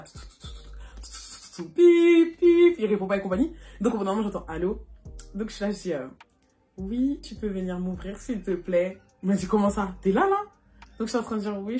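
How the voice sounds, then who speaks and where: A young woman from France telling a casual storytime to her viewers, animated and chatty, filling her talk with little asides and laughs. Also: mid-range voice. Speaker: vlogger. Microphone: phone.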